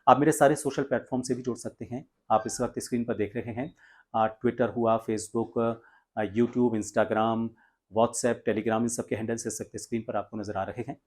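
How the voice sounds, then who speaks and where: Male channel host, husky tone, measured delivery with small filler pauses; outro to viewers. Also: mid-range voice, fairly even intonation, darkish tone.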